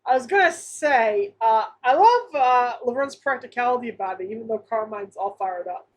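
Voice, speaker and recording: A woman's voice: fairly high pitch, animated, moderate pace. A woman co-hosting a podcast in casual, enthusiastic chat, laughing often. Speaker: podcast co-host.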